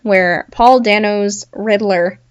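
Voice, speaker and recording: A woman's voice: medium pitch, slow pace, smooth, lo-fi sound. A young woman hosting a casual solo talk show, chatting and laughing at her own examples. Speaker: podcast host.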